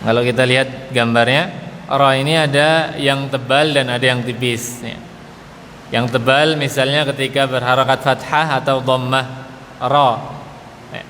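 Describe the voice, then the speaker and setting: A man teaches Quran pronunciation, slowly drawing out each letter sound and tagging "ya" onto almost every phrase. His voice sits at an ordinary middle pitch. Long reverb from the mosque hall trails behind him over a faint hiss of noise. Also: fairly even intonation, pushed and bright. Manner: patient, slow demonstrations of letter sounds, adds "ya" after nearly every phrase.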